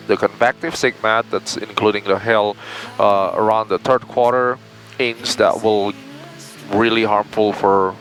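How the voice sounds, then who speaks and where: A man's voice: on the low side, a bit bright. Male airline pilot talking over music. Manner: informal, halting phrasing in non-native English. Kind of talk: cockpit vlog narration and flight briefing.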